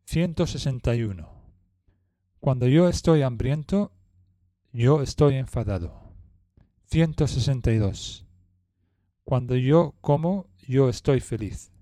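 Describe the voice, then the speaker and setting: A man reading numbered example sentences one by one in a slow, measured lesson drill. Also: medium pitch, animated, mellow, no echo, clean studio sound. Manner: reads each numbered sentence slowly and evenly. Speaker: language teacher.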